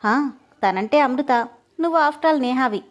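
A cheeky young man who keeps ribbing his friend with a grin in his voice, read by a female storyteller. The voice stays fairly high and light and plays every jab as a joke. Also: expressive, moderate pace. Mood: teasing. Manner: mocking and playful. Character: teasing, joking young man.

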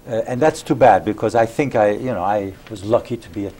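Born in Belgium and raised in New York City, a retiring music professor in his sixties reminisces conversationally as an interview guest, his low voice brisk and dark. He wears a lapel mic in a small cable TV studio, and the 2001 VHS recording is noisy.

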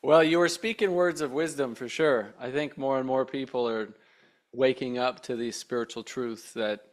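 A man in his thirties hosting a podcast from a home studio, speaking earnestly and thoughtfully with many hesitations into a mic on a boom arm. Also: fairly even intonation, moderate pace. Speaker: podcast host. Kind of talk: reflective interview conversation. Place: home studio with shelves and plants.

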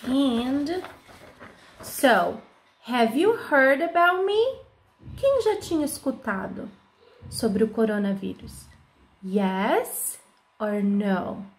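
Teacher lady, talks real slow and sing-songy to little kids, kinda high voice. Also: very animated. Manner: slow, sing-song, encouraging questions to children. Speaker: kindergarten teacher. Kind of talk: online lesson for young children.

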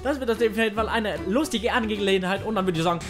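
A man giving casual let's-play commentary as a YouTube gamer, halting and restarting his words, excitable and yelling as he plays. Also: sits high, music in the background. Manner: halting, stumbling over words, restarting often; excitable, shouting and laughing while playing. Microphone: headset.

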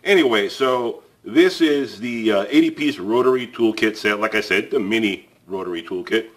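Filmed from above at an indoor table, a tool reviewer with a lowish voice speaks at normal speed as he handles a tool. His talk to the camera is chatty and plain-spoken, full of fillers and restarts.

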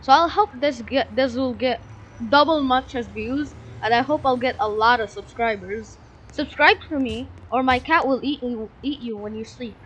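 High-pitched excitable woman gaming. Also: normal speed, muffled recording, slight background noise. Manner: excitable, repeats hype shouts, rambling asides. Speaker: gamer streamer. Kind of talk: gameplay commentary. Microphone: broken microphone.

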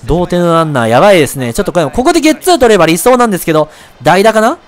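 A man commentating a baseball video game, shouting at big plays and muttering asides in between, and politely apologizing to viewers for being loud. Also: high voice, sing-song, racing. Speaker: let's play commentator. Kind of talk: excited gameplay commentary.

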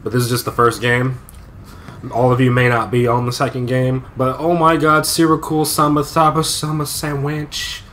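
A man's voice: mid-range voice, steady tone, normal speed, a bit bright, a little hiss or hum. Joking man reading game credits. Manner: joking, reads credit names aloud with asides and laughs. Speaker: let's play co-host. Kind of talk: casual gaming commentary.

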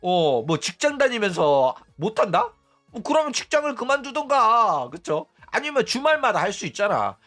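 Guy ranting on his channel, high voice that swings all over, faint music behind. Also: a bit bright. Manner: blunt and mocking, keeps tagging "right?". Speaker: VTuber news channel host. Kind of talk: ranting commentary.

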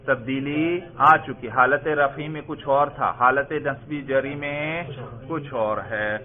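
A man from Pakistan teaching a classroom grammar lesson, quizzing students, repeating their answers and drawing out word forms in a sing-song way. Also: medium pitch. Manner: drawn-out chanting of word forms. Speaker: religious school teacher. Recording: tinny phone-like lo-fi recording.

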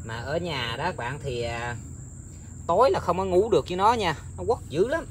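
A man's voice: fairly high pitch, expressive, a little hiss or hum. Rambling man outdoors. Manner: rambling, many filler pauses, talking to viewers. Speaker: bird-trapping vlogger. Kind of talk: casual outdoor vlog narration. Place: outdoors in countryside.

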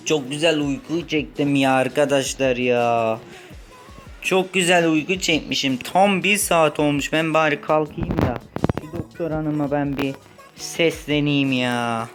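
Whiny high-voiced man playing a patient. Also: a bit bright. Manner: whiny, complaining, playfully dramatic. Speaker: gaming video host. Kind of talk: playful game role-play, playing a patient.

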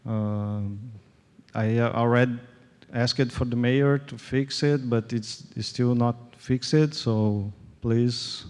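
A young Brazilian man with a Portuguese accent giving a conference talk in English, speaking in halting phrases with many fillers and restarts. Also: medium pitch, steady tone, a little mellow. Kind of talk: tech conference talk with live demo. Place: large conference hall. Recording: long hall reverb.

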